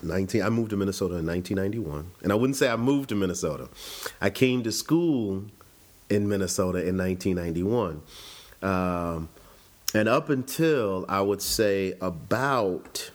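A man's voice: low voice, animated, normal speed. A man in his forties from Chicago, reflectively telling his life story in an interview. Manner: reflective, conversational, with frequent restarts.

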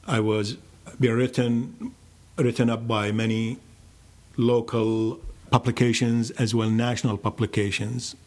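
Slow-spoken older man. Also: medium pitch, level tone, a little mellow. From Iraq. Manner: slow, measured, reflective with many pauses. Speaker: interviewee telling his life story. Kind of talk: personal storytelling.

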